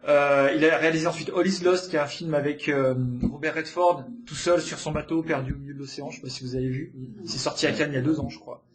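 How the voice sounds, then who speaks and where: A man's voice: on the high side, fairly even intonation, fast, few pauses. A man hosting a library podcast, recommending films in a casual, hesitant way with many fillers and restarts.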